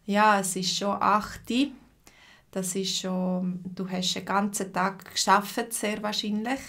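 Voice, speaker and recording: A Swiss woman with a Swiss German accent teaches a live stream lesson, greeting viewers by name and explaining slowly and simply with lots of fillers. Her medium-pitched voice has little pitch movement, a creaky quality and a slight brightness.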